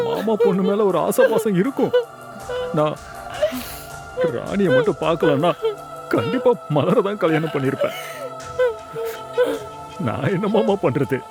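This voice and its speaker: Casting: man playing young guy, rough gravelly voice, very lively pitch, music bed behind. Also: exaggerated voice. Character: young man torn between two women. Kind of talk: film acting.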